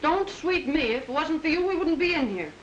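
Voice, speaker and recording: Snippy young bride, high voice jumping all over, dull hissy old film sound. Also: female voice, brisk. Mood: tart. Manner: tart, excitable. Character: sharp-tongued young bride, quick-tempered. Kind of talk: 1930s film acting.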